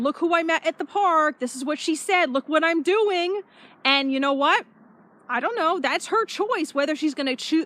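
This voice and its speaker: A woman speaking as a spiritual life coach in a casual walking vlog, energetic and repetitive, swearing offhandedly. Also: sits high. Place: outdoors, power walking.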